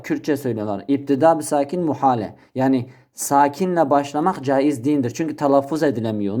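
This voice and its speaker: A man's voice: fairly high pitch, dark tone. A man teaching Arabic grammar in a recorded lesson, addressing listeners as brothers and answering his own questions as he explains each step.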